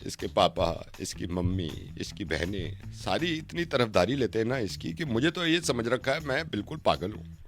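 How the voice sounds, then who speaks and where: Radio host putting on an aggrieved husband caller. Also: male voice, lowish voice, very animated, normal speed, faint music behind, pitched below the performer's own voice. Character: aggrieved husband caller, touchy, quick to take offence. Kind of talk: radio prank call.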